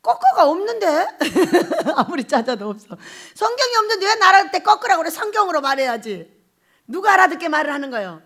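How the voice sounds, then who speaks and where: High, lively woman preaching a sermon. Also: brisk. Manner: animated preaching with frequent laughter and rhetorical questions; swings from loud exclamations to low murmurs. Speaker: pastor. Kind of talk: Sunday sermon. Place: prayer retreat sanctuary.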